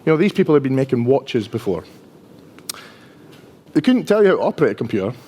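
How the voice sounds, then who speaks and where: A medium-pitched, dark male voice talks fast with a sing-song lilt, over slight background noise. He's an IT engineer in his fifties from Dundee, Scotland, with a strong Dundonian accent, giving an informal conference presentation. Chatty and self-deprecating, he often ends sentences with "right?".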